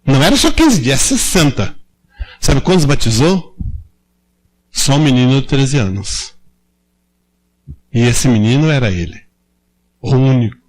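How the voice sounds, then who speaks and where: A man's voice: mid-range voice, unhurried, pauses often, rough recording. A man from preaching at a church prayer meeting, telling stories informally and acting out the voices of the people in them. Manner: animated, acts out quoted voices, asks the congregation questions. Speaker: lay preacher. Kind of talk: informal sermon storytelling.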